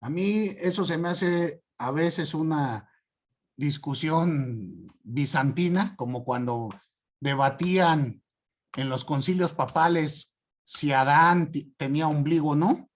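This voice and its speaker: A man giving a class lecture, stressing key words and often asking students if it is clear. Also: a little high, slow. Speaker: law teacher.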